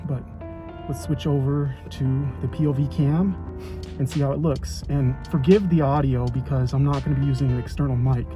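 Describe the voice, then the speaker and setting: Male car vlogger, medium pitch, easygoing off-the-cuff chat, clear music bed behind the voice. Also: steady tone, normal speed. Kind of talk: casual vlog chat.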